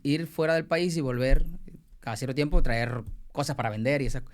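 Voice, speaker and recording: A young man from Cuba with a Cuban accent, a former teacher telling his migration story with hesitant pauses. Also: mid-range voice. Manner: hesitant, many fillers and pauses. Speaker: guest, former biology teacher.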